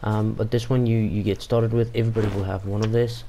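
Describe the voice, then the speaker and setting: Speaking fast in a lowish, mellow voice with a level tone, a young Afrikaans-speaking man offers loose commentary on his game as a YouTuber. He rambles and keeps restarting and using fillers, and a little background noise is audible.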